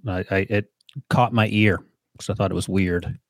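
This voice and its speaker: Forties guy cohosting, lowish voice, deadpan sarcastic jabs, dry close mic. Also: normal speed, no echo. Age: 40s. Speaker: podcast co-host. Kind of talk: casual sports podcast banter.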